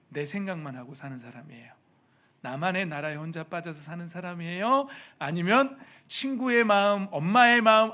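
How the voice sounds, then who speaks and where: Male pastor, slightly higher voice, lively and playful sermon delivery in a church. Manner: animated and humorous, acting out quoted speech. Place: church sanctuary.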